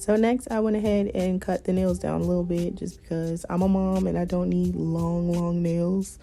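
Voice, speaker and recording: A woman in her twenties, hoarse from being sick, talking casually through a home nail tutorial as a vlogger. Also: on the low side, level tone, normal speed, faint music behind. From South Carolina, US. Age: 20s. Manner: chatty and laid-back, with soft laughs and fillers. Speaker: beauty vlogger.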